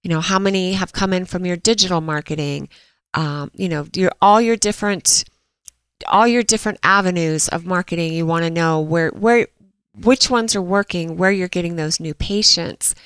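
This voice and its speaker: A woman's voice: fairly low pitch, normal speed, a bit bright, clear, resonant tone, dry recording, rough recording. A woman hosting a dental marketing podcast in a chatty way, a little stuffy from allergies, with frequent fillers and restarts. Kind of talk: casual podcast talk.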